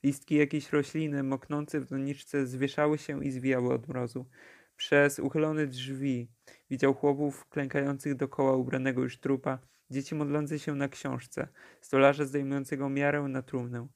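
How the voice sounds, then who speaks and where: A man narrating a classic novella for an audiobook, in a steady, measured reading. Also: mid-range voice, vocal fry. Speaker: audiobook reader.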